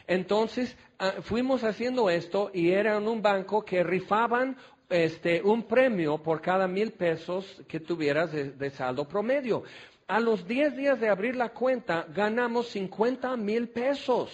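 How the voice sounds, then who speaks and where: A Mexican man preaching a sermon, switching between quiet scripture reading and excited, folksy storytelling. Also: a little slow. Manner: animated, shifts from low quiet scripture reading to excited shouting; conversational, folksy storytelling with fillers like "este".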